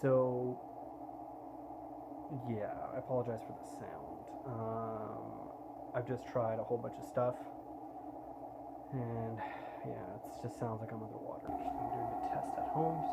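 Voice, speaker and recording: A man rambles through a casual home vlog update, his phone audio muffled so he sounds underwater. A loud static hiss runs under everything, and he speaks haltingly, with many fillers and restarts. His pitch sits in a middling range. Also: gravelly. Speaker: vlogger.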